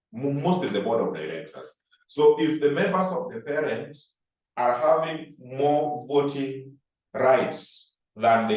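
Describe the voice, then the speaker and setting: A man's voice: mid-range voice, darkish tone, far from the mic. Man lecturing in a very echoey room. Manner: repeats key points, emphatic, dictates to students. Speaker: accounting lecturer. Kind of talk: classroom lecture.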